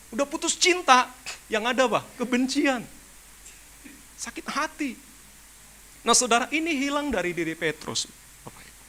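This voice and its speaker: A man preaching a church sermon as pastor, animated and colloquial, who keeps asking the congregation rhetorical questions and adds humorous asides. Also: very high-pitched. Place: church service.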